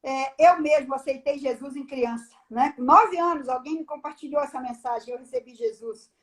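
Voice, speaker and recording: High-voiced woman giving a testimony. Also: moderate pace. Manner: animated storyteller, acts out the dialogue. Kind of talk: personal testimony on a live stream.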